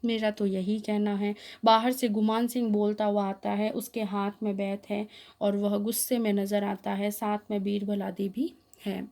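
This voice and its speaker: A woman's voice: mid-range voice, little pitch movement, normal speed, dark tone. A woman teacher reads a play aloud for her class and explains the action, with small hesitations. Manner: explanatory reading with fillers.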